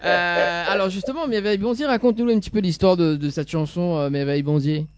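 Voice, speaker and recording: A man's voice: sits high, fast, a loud crowd. A man hosting a radio show, asking a guest questions in an easygoing way. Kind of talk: interviewing a guest.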